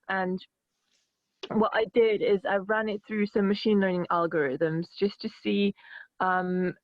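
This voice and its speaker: A woman researcher on a phone, presenting her work in an online meeting and pausing often with fillers. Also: medium pitch, no room sound. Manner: hesitant, many fillers and restarts. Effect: speaking over a phone. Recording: muffled phone-quality audio.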